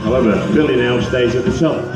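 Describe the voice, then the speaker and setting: A man's voice: medium pitch, steady tone, fast. Echoey kids show host man announcing stunts. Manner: kids show host style, coaxing the audience with questions and calls for applause. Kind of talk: live show commentary addressing children and crowd. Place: outdoor show, over a loudspeaker system. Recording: echoey outdoor PA, far off, music and crowd. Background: music and crowd.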